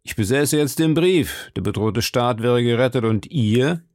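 A cold, scheming agent who questions with open scorn, as a male reader puts him on, in a read-aloud storybook. The voice is gravelly and sits close to the mic in a dry, dead space. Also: mid-range voice, animated, a little slow, darkish tone, no room sound. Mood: scornful. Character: scheming middle-aged male cardinal's agent.

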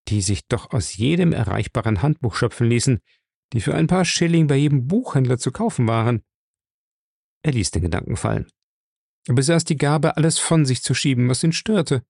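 A man narrating an audiobook in a measured, even storytelling manner, recorded close to the mic. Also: mid-range voice, creaky, dry recording.

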